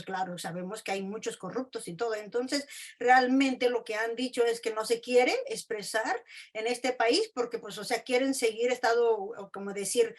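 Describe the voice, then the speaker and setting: A woman hosting a casual discussion, talking in a rambling way and searching for words. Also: a little high. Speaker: host; works with farmworker organizations.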